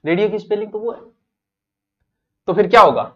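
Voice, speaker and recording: A man with a Rajasthani accent teaches an exam-prep lesson, quizzing his students and switching between Hindi and a local dialect. His voice is high-pitched and brisk, captured in a dull lo-fi recording.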